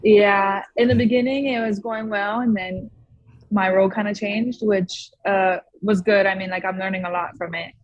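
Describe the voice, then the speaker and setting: A young woman from Hawaii, a pro soccer player, answering interview questions in an easygoing, halting way. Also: mid-range voice, fairly even intonation, no echo, highs cut off. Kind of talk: media day interview.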